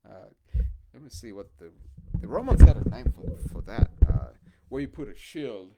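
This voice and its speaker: A man's voice: medium pitch, very animated, moderate pace, heavy background noise. A man talking in a casual, rambling monologue full of hesitations and fillers. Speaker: podcast host.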